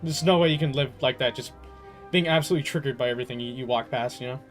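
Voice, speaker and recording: Rapid-fire and medium-pitched with fairly even intonation, a man livestreams a video game over faint music. He rambles casually with strong opinions, slangy, amused and incredulous, swearing now and then.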